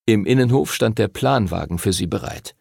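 A man narrating a children's audiobook in a lively storytelling manner. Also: on the low side, normal speed, vocal fry, slightly rough, no echo, studio quality.

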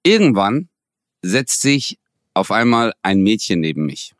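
Animated slangy male storyteller, dry sound. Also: on the low side, a little slow, no room sound. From Germany. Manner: animated, slangy, acts out quoted dialogue. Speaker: podcast co-host. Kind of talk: casual storytelling chat.

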